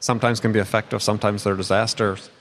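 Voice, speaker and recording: A man with a fairly low voice talks casually as a podcast host, looping back on his sentences and laughing lightly. His voice is wearing thin, and he sounds hoarse. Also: level tone, fast talker, a bit bright, slight background noise. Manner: rambling, self-interrupting, chuckles often. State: losing his voice. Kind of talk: casual conversational chat.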